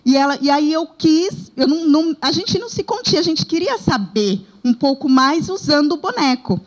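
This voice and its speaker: A woman with a Brazilian Portuguese accent recounts a classroom episode with earnest storytelling, her voice sitting a little high. She speaks as a daycare director sharing a report at a workshop. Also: lively intonation, moderate pace, poor audio. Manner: earnest storytelling, reenacting dialogue.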